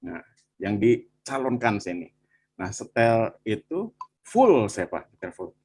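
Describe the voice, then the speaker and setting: A man from Bandung, telling his personal testimony in animated conversation and often addressing the listener as "Pak". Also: lowish voice, measured pace, breathy edge. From Bandung, Indonesia. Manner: animated storytelling, frequent "Pak" and "gitu".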